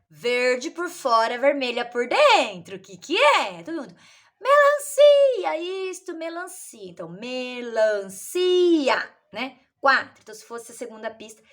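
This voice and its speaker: A woman teacher, explaining literacy activities in a lively way and acting out children's answers. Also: fairly high pitch.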